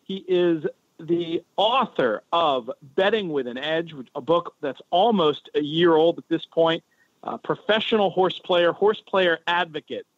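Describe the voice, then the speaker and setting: A man's voice: a little high, a little slow, dry recording. A man hosting a podcast in casual, rambling chat, recorded through a cell phone held to his head so he sounds tinny. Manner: chatty, rambling. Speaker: podcast host. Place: home in a city neighborhood.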